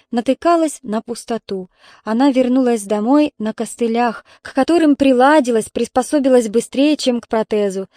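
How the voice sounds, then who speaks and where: A woman narrating an audiobook in a measured, somber way. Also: sits high, dark tone, no room sound, studio quality. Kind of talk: scripted narration.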